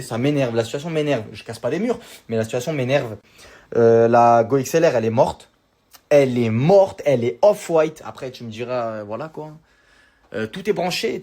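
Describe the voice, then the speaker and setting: A young man talking casually into his vlog, slangy and rambling as he vents. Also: medium pitch. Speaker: vlogger.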